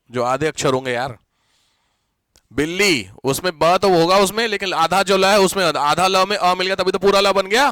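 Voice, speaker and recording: A male Hindi teacher lectures his class with a high, bright voice, working through example sentences step by step. He keeps asking whether everyone has followed and drops English words into his Hindi. The sound is dry and close. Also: dry recording. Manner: keeps checking if students understood, repeats examples slowly.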